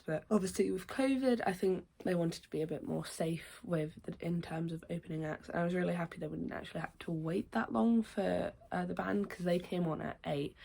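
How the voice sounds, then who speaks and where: A young woman, vlogging in casual chat, her voice slightly croaky and nasal from a cold, rambling with many restarts. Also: lowish voice, darkish tone. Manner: rambling, with many fillers and self-corrections. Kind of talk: casual chatty vlog talk.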